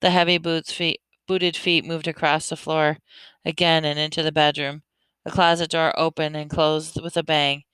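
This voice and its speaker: A woman reading a children's novel aloud in a steady manner, now and then correcting herself. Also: low voice, moderate pace, smooth, no room sound, rough recording. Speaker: reader.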